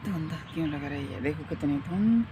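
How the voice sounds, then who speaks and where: A middle-aged woman chatting casually as she walks through a park and films a vlog on her phone. She tells stories in an animated way and keeps asking her listeners to agree. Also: low-pitched, moderate pace, background noise. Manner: animated storyteller. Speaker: vlogger and mother. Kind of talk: casual walking vlog chat. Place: outdoor park on a foggy day.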